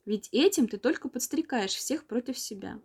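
A woman's voice: fairly high pitch, lively intonation, moderate pace, darkish tone, breathy edge. A woman doing a cheerful coaxing young boy. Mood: gentle. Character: young boy, good-natured and teasing.

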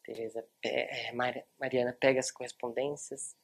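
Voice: medium pitch, little pitch movement, moderate pace, vocal fry, husky. A literature teacher with a Brazilian accent retells a novel in a chatty, informal online lesson and talks straight to the viewers. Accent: Brazilian Portuguese.

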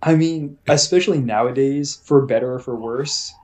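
A young man co-hosting a casual podcast chat, telling stories and acting out the people he quotes with lively emphasis. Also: medium pitch, moderate pace. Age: young adult. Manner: animated storyteller, acts out quoted people. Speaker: podcast co-host.

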